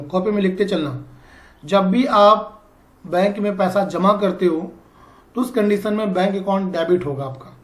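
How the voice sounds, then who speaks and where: A male accounting teacher giving a classroom lecture, explaining slowly and checking often that students follow. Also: high-pitched, echoey room.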